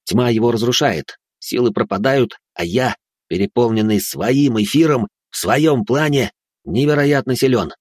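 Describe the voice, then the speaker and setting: A man narrating a first-person fantasy audiobook in a steady, dramatic reading style. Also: medium pitch, moderate pace, husky, dry recording, clean studio sound.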